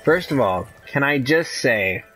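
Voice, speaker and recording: A gaming YouTuber doing excitable, gushing let's-play commentary. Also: medium pitch, unhurried, breathy edge, soft background music. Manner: excitable, gushing, laughs a lot.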